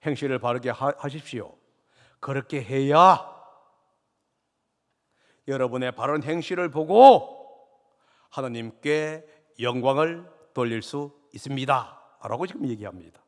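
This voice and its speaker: A man preaching a sermon as pastor, earnest, swelling louder on key points and dropping low at the ends of phrases. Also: unhurried, pauses often. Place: church sanctuary. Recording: long church reverb.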